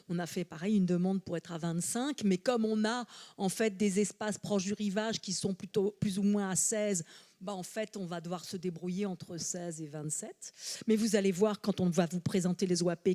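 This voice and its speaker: Dark-voiced woman official at public meeting. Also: mid-range voice. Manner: explanatory, hesitant fillers. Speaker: local elected official.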